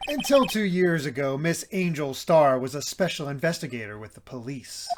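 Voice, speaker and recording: A woman's voice: deep voice, expressive, normal speed, very noisy. A woman voicing a stern, impatient prosecutor in a game read-aloud, clipped and formal.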